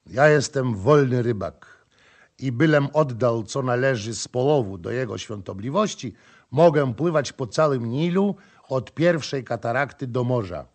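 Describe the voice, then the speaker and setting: A man's voice: mid-range voice, animated, a little slow. A man voicing a proud, cheerful boatman who boasts and jeers in an audiobook. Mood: boastful. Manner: boastful, mocking laughter.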